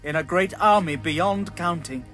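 A man's voice: high voice, a little slow, a bit bright, soft background music. A man voicing a male elf herald who reports bad news hesitantly, his voice breaking with grief. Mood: grieving. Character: grieving male elf herald, humble messenger.

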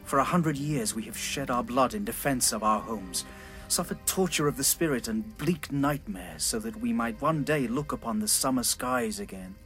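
A man voicing an ancient elf king whose calm, sharp anger swells into shouts, in a dramatized fantasy audiobook. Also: mid-range voice, normal speed, faint music behind. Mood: grim anger. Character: ancient elf king, grief-stricken, raging, proud.

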